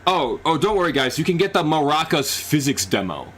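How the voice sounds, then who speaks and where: A young man reacting on a live stream, rambling and bursting into excited shouts. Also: fairly high pitch, brisk, slightly rough.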